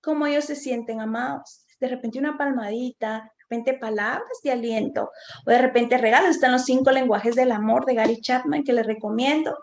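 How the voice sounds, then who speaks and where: A psychotherapist speaks to parents in a high voice, chatty and engaging, often tossing in quick tag questions. Her talk comes through a video call and sounds echoey, as if from a bare room. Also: a little hiss or hum. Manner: warm, conversational, frequent tag questions. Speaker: psychotherapist giving a conference talk. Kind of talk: informal lecture to parents.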